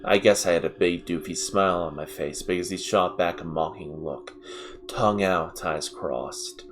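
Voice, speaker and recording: A man reading a scripted horror story in a measured, dramatic way with stressed pauses. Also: sits low. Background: music.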